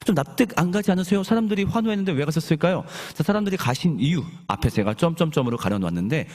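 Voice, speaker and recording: A male pastor preaching a sermon in a church, animated and often asking the congregation questions. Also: a little high, fast talker.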